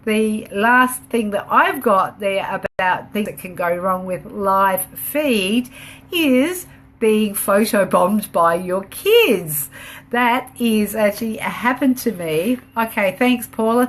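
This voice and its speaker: Woman, casual live-stream chat from home, chatty, rambling, upbeat, answers viewer comments, mid-pitched voice. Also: a bit bright. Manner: laughs easily, upbeat. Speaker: home business owner hosting a live video.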